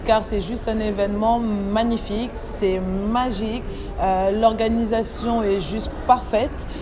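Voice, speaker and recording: A woman's voice: medium pitch, steady tone, measured pace. A woman who runs a catering business, speaking effusively about a summit, with some stumbles. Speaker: event caterer, business owner. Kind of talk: conference testimonial. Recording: noisy ambient background.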